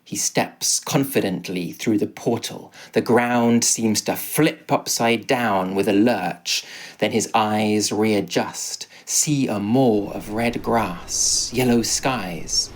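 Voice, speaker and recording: A man narrating a rhyming storybook tale in a slow, measured way. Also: fairly low pitch, poor audio.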